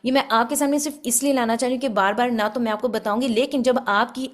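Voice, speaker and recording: A woman's voice: on the high side, steady tone. A woman giving a religious lesson on Quran recitation, explaining patiently and often checking with her listeners. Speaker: Quran tajweed teacher.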